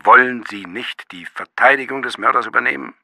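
A gruff male police sergeant with a hoarse, rough voice pushes and presses his point, as an audiobook reader puts him on. The tone is gravelly and sharp-edged. The recording is dry and close. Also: mid-range voice, a little fast, no echo, voice pushed up, heavily acted. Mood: insistent. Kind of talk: audiobook reading.

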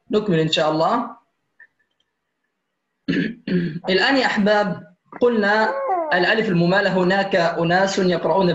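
A man teaching a Quran recitation class online, patiently calling his students dear ones and slowly modelling examples. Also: sits high, fairly bright tone, echoey room, dull audio. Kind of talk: online tajweed lesson.

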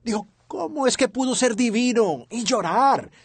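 A man's voice: extremely high pitch, lively intonation, normal speed, husky, no echo. A man dubbing a sermon as an interpreter, earnest and following the preacher's rhythm, on a close studio mic. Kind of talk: dubbed sermon translation.

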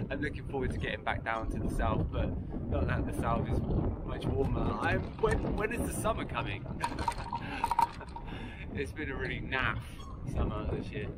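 A man's voice: mid-range voice, lively intonation, moderate pace, pauses often. A man in his thirties chatting casually to camera while cycle touring, rambling with restarts and small laughs. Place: windy seaside street outdoors. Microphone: action camera close to the face. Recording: loud wind and traffic noise.

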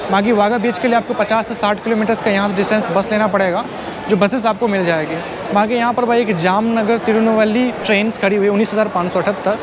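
A man's voice: high voice, fairly even intonation, quick pace. A young man in his twenties chatting casually to viewers in a travel vlog, recorded on a lapel mic at a busy railway station. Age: 20s. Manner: chatty, keeps calling viewers "bhai". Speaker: travel vlogger. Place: busy railway station platform and food court, indoors and out. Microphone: clip-on lapel mic and handheld camera. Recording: loud station noise behind.

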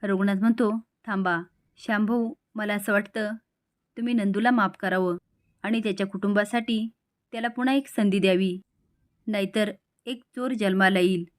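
A woman's voice: medium pitch, fairly even intonation, moderate pace, no room sound, clean studio sound. A woman narrating a recap of a serial episode, reading out the characters' lines as she goes. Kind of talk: storytelling recap with quoted dialogue.

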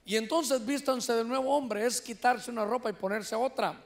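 A Honduran man preaching a sermon in church, lively and animated, often calling out to his listeners as brothers. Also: extremely high pitch, moderate pace, creaky. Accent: Honduran Spanish. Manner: shouts when voicing quoted cries. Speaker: pastor. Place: church sanctuary.

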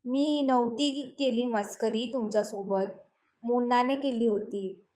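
A woman voicing a timid young wife in an audio story reading, soft-spoken and hesitant, with a fairly high voice. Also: unhurried, lightly acted.

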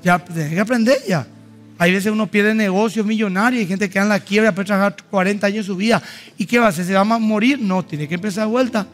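A man preaching a sermon as pastor, animated and rising into exhortation. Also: high-pitched, quick pace, soft background music. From Paraguay.

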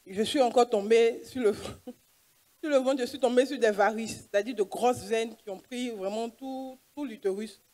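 A woman's voice: a little high, a little slow, warm tone. A woman, a doctor giving an earnest church testimony and acting out the dialogue as she tells it. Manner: earnest storytelling, plays out dialogue.

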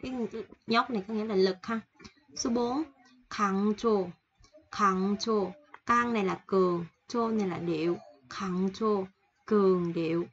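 A woman with a cold teaching Korean vocabulary in a casual online lesson, slowly repeating and explaining each word from a list. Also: medium pitch, fairly even intonation, highs cut off, slight background noise. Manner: slow repetitive explaining, reading word lists. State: has a cold.

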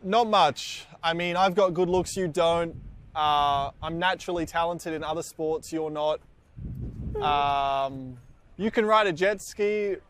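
A man with a slightly raised voice chats casually. He teases and jokes in quick, loose banter. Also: a little high, a bit bright, slight background noise. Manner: teasing, playful, quick banter. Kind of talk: casual chat.

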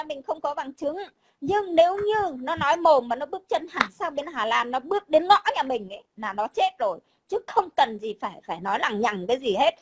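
Blunt high-voiced woman. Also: animated, a little fast, low-quality recording. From Vietnam. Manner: blunt, combative, swears, keeps repeating a tag word. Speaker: overseas Vietnamese guest. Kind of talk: casual chat.

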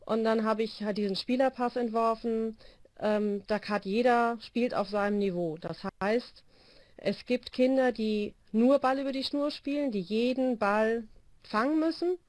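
Speaking unhurriedly in a fairly high but darkish voice, a volleyball coach in her forties lays out her training approach for a video call interview. She holds a phone to her ear in a small room with no echo, her explanation peppered with hesitation fillers.

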